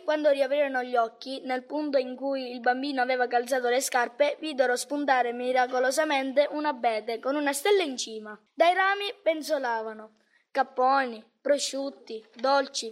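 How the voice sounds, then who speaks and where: A woman narrating a Christmas storybook in a calm, measured manner. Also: high voice. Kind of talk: storybook reading.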